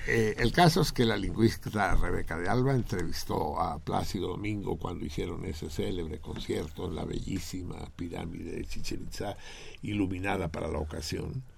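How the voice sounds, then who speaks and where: Mexican male radio host, deep and gravelly, theatrical ironic banter. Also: moderate pace, a little hiss or hum. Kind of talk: joking comedic radio banter.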